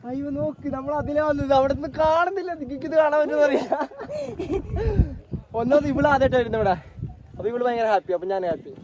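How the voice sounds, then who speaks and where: A man's voice: very high voice, fast, crowd noise. A man vlogging casually to his viewers from a rainy hilltop outdoors, exclaiming often as he talks into a handheld phone. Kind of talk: casual travel vlog commentary to viewers. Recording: outdoor noise of rain and wind.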